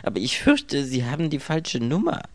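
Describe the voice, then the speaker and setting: A man's voice: medium pitch, wildly swooping pitch, moderate pace, no room sound, voice pushed up. A man voicing an irritable, bewildered young writer who grumbles and mutters in exasperation. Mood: cautious.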